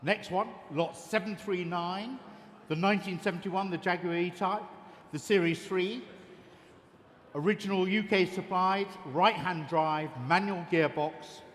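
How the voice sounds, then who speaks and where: A man's voice: sits high, fairly even intonation, a little slow, a bit bright, a little hiss or hum. A man working as an auctioneer, calling and repeating bids in a live sale patter. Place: large auction room at a motor festival. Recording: echoey hall PA with long reverb.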